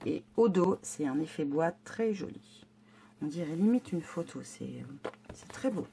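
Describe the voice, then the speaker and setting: Her voice is low, gravelly and dark, with lively intonation and an unhurried pace, and a faint hiss or hum sits in the background. This scrapbooking vlogger unboxes her monthly box in a casual, hesitant way, full of fillers and restarts, clearly thrilled by what she finds.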